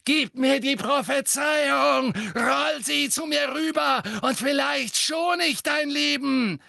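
A man reading an audiobook voices a fanatical female dark witch, shrill and screaming. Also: extremely slow, vocal fry, dry recording, clean studio sound, heavily acted. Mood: shrieking fury.

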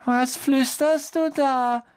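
A narrator voicing a weepy, sulky ghost girl in a very high, tearful, whining voice, as in a storybook reading. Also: fairly even intonation, slow pace, a little mellow. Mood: suspicious. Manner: whiny, self-pitying wail. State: crying.

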